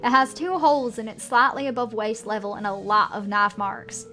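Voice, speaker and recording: A woman's voice: a little high, normal speed, sharp tone, soft background music. A woman streaming a video game, reading its story text aloud and reacting casually as she plays.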